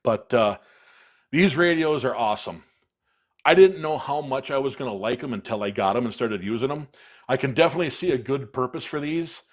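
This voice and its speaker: Speaking a little fast, a product reviewer and video presenter walks through a hands-on demo in a relaxed manner. He has an average-pitched voice and uses straightforward, practical words to explain every step.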